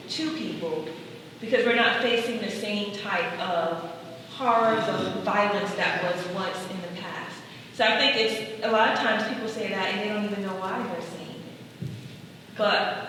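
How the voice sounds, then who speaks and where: A woman's voice: medium pitch, fairly bright tone. A woman giving advice in a conversational, explanatory way at a public discussion. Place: large reverberant room at a public discussion. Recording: very echoey noisy hall, distant mic.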